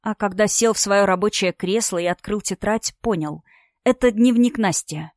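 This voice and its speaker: A woman narrating a dramatic audiobook story in an even, expressive storytelling voice. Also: mid-range voice, normal speed, no echo, clean studio sound.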